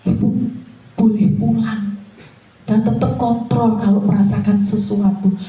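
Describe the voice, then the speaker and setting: A woman's voice: medium pitch, flat delivery, measured pace, dark tone, soft background music, close to an everyday voice. A woman voicing an astonished male hospital doctor who exclaims in amazement. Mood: amazed. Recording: very echoey room, from far off.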